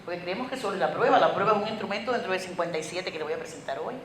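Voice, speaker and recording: A woman with a Cuban accent giving a lively, very fast lecture to teachers, asking many rhetorical questions. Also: on the low side. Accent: Cuban Spanish. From Cuba. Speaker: conference speaker. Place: school auditorium. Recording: echoey hall with faint noise.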